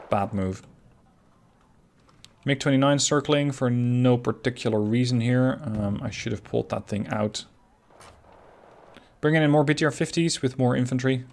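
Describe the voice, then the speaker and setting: Relaxed man commentating a strategy game replay. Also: medium pitch, slight background noise. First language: not Finnish. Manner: relaxed, analytical, self-critical. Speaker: gameplay commentator.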